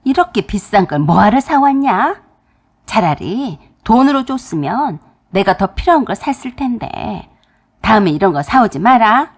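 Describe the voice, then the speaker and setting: Woman doing a stingy, nagging mother-in-law for radio drama; loud, animated, sharp. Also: medium pitch, unhurried. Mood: grumbling. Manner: scolding, sharp-tongued, shouting.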